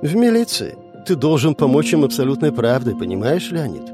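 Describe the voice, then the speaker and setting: A man reading a storybook, voicing a patient older investigator who lectures in a measured way. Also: medium pitch, big pitch swings, music in the background, lightly acted. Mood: lecturing.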